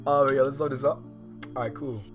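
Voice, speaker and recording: With a steady, medium-pitched voice, this American livestream host reads a visual novel aloud as part of casual gaming commentary. He talks in an informal, slangy way, rambling and halting as he cuts himself off. Faint music plays in the background.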